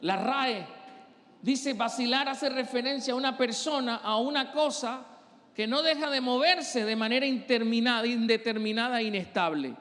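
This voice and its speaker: A man's voice: very high-pitched, normal speed, fairly bright tone, long reverb tail. A male pastor preaching an impassioned sermon and acting out the voices of the people he quotes.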